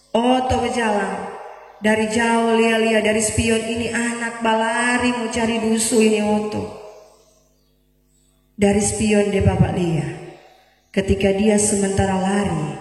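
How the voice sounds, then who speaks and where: A woman's voice: fairly high pitch, darkish tone. A woman pastor, telling an earnest story in her sermon in a large church. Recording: echoey church hall from far off, faint music.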